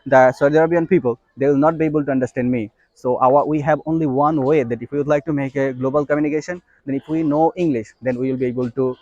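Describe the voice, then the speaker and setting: A young male English teacher with a Bangladeshi accent, whose first language is Bengali, gives an instructional talk to learners, repeating and emphasizing his points. His mid-range, dark-toned voice is steady and fast with few pauses. The recording is muffled, with no echo.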